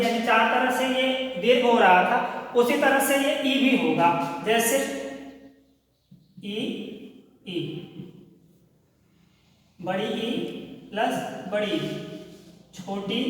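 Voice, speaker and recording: Echoey male teacher explaining at board. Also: very high voice. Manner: explains step by step, keeps checking in with "ठीक" and questions to pupils. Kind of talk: Hindi grammar lesson. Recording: echoey room from far off.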